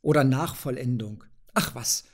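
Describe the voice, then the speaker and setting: A man reading a halting, gloomy doctor. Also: mid-range voice. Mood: unsettled.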